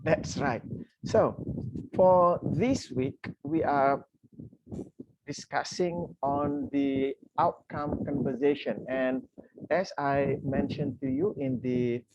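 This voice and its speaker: A man's voice: medium pitch, fairly even intonation, slow pace, background noise. A man coaching and hosting an online session, speaking courteously and explanatorily with many "uh" fillers and restarts. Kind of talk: welcoming, explanatory talk with fillers. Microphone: video call. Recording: dull lo-fi video call audio.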